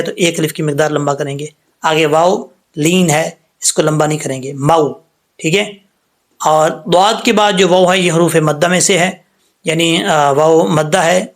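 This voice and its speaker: A man. He explains each rule step by step in a patient, steady way. Then he draws each word out slowly for students to copy. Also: fairly high pitch. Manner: explains rules patiently, then slowly recites words aloud. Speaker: Quran tajweed teacher. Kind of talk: word-by-word recitation lesson.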